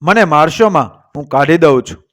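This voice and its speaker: A man's voice: on the high side, lively intonation, normal speed, a bit bright. A man voicing a frightened young farmer. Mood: pleading. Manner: pleading. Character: frightened young male farmer, eighteen, timid.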